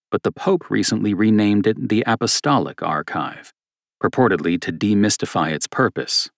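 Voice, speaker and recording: A man narrating an audiobook novel in a steady, measured reading style. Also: low voice, dry recording, clean studio sound.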